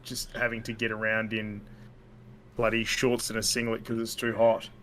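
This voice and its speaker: A man with an Australian accent hosting a casual podcast chat, laid-back and quick to laugh. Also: fairly low pitch, completely flat delivery, fairly bright tone, a little hiss or hum. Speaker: podcast host.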